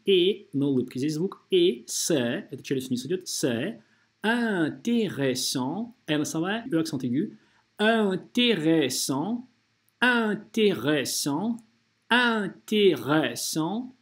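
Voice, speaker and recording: Speaking a little high, with big swings in pitch and no hurry, a man narrates a screen recording as a French teacher. His lesson is didactic, and he stretches out sample phrases one syllable at a time so the pronunciation is clear.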